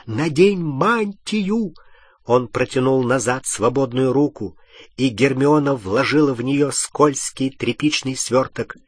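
Husky male audiobook narrator. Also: medium pitch, fairly even intonation, a little slow, no echo, studio quality.

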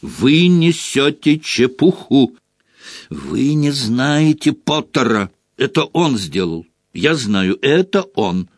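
A man's voice: fairly high pitch, big pitch swings, takes it slowly, slightly rough, no room sound, clean studio sound, voice pushed up, exaggerated voice. A man voicing a furious, spiteful male professor who snarls and rants. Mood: ranting. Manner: snarling, ranting.

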